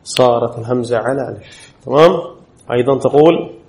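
This man's mid-range voice is brisk, gravelly, and a little mellow. Teaching Arabic spelling rules in a classroom at an Islamic studies center, he reads out a rule, explains it, and keeps firing short questions at his students.

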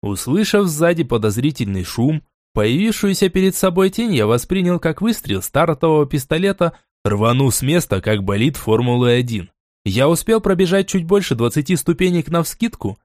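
A man narrating a first-person fantasy audiobook in an expressive, dramatic reading style. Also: mid-range voice, dry recording, clean studio sound.

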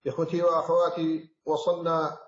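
A man from Mauritania, an Islamic scholar, giving a measured explanatory lecture on a classical text, often pausing and correcting himself. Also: a little high, monotone. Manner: measured, explanatory, with frequent self-corrections and hesitations. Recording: roomy, slightly dull recording.

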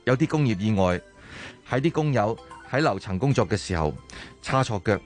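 A young man acting a calm safety expert in a radio drama, giving steady, instructive explanations. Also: lowish voice, normal speed, faint music behind, natural voice. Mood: warning. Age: young adult.

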